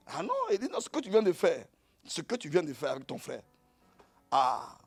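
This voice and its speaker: A middle-aged male pastor preaching a sermon in a lively storytelling way, going from quiet asides to loud exclamations. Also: a little high, normal speed, vocal fry, breathy edge, no echo, soft background music.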